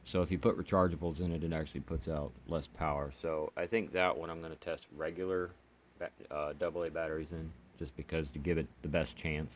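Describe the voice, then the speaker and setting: A hobbyist reviewer with a very deep voice talks a little fast through a casual, unscripted product demo, plainspoken and muttering to himself as he works. The amateur home video has steady background noise.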